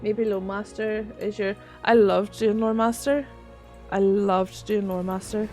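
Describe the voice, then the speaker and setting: A woman from rural Northern Ireland streams a game, reading chat, swearing freely and laughing often. Her voice is medium pitch, steady, unhurried and a little mellow, with soft music in the background.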